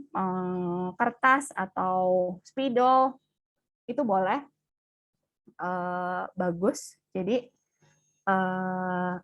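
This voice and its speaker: Lively woman giving a parenting webinar. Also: mid-range voice, dry recording, muffled recording. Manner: lively, acts out quoted voices, mixes in English phrases. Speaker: webinar speaker on play therapy. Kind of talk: webinar presentation to mothers.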